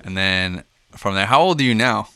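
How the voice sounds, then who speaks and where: A man's voice: fairly low pitch, lively intonation, normal speed, pushed and bright, smooth. Laid-back young man hosting a podcast. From Boston area, US. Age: 20s. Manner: laid-back, loose, lots of fillers and swearing. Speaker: podcast host, beat producer. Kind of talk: casual podcast chat.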